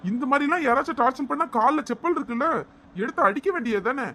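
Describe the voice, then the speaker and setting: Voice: high voice, fast talker, slight background noise. Voice actor doing a bold cartoon college hero. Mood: scolding. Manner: scolding and boastful, then gentle and reassuring. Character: bold young college man, protective hero. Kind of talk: cartoon voice acting.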